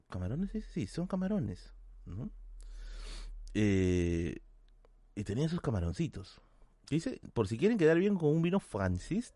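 Lively Peruvian man telling a story. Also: mid-range voice, no echo, clean studio sound. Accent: Peruvian Spanish, Lima. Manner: animated, self-mocking, tag questions. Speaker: podcast host. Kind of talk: casual anecdotal storytelling.

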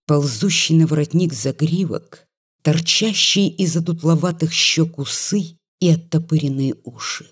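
A reader narrating a literary short story in a steady storytelling manner. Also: mid-range voice, husky. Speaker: audiobook reader.

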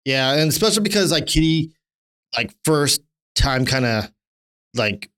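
A podcast co-host in his thirties chats casually in a smooth, resonant, slightly bright voice of medium pitch. He's very animated yet a little slow, rambling with frequent restarts and the occasional swear word.

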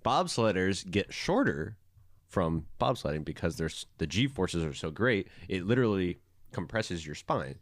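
A man in a casual podcast chat, giving deadpan, absurd explanations and sarcastic comebacks. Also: low voice, a little slow, no room sound, studio quality.

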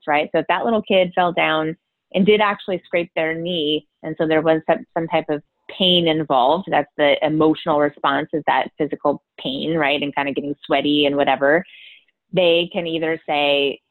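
A woman's voice: deep voice, no echo. A woman drama therapist explaining her ideas in a podcast interview, often checking in with "right?". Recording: phone-like dry line.

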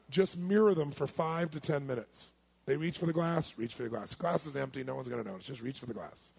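A man giving a sales seminar, firing rhetorical questions at his audience and swinging between loud and hushed delivery. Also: a little high, gravelly, breathy edge. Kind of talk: live seminar talk to an audience.

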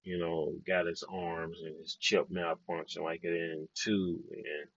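A man giving a casual movie reaction, excitable and slangy, swearing a lot. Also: low voice, a little slow, vocal fry, slightly rough, no echo, lo-fi sound. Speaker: movie reviewer.

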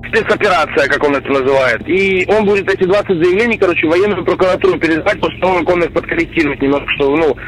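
A man's voice: on the high side, racing, hardly any pauses, slight background noise, low-quality recording. A young man speaking as a soldier on a casual private call, blunt and rambling, given to swearing. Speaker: soldier calling home. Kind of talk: casual private phone conversation.

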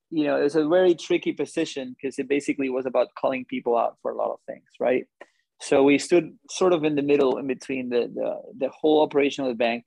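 A man telling a personal story to a live audience in an animated, conversational way, often checking in with listeners. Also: medium pitch, creaky, no room sound.

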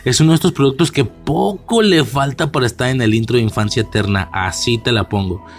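A man's voice: medium pitch, brisk, soft background music. A man with a Mexican accent giving a casual film commentary, rambling and slangy, with many fillers and restarts. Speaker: movie reviewer.

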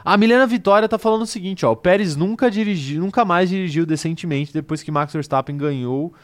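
Upbeat young Brazilian streamer, fairly high voice. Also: male voice, quick pace. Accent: Brazilian Portuguese. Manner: animated, reads viewer comments aloud and jokes. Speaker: co-host of a racing live stream. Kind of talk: casual live-stream chat.

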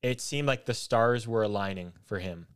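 A man's voice: fairly low pitch, normal speed, clean tone, dry recording, clean studio sound. A man hosting a casual podcast with bro-ish slang and some swearing. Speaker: podcast host.

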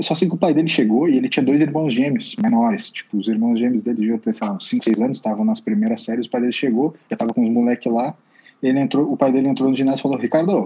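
Slangy young man, husky and dark. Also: medium pitch, muffled recording. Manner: slangy, animated storyteller acting out shouts. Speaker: podcast co-host. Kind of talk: casual storytelling chat.

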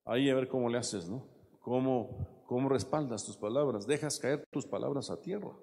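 A man's voice: medium pitch, normal speed, vocal fry, a little mellow, long reverb tail. A man preaching a sermon, in a conversational way, often turning to his listeners with rhetorical asides.

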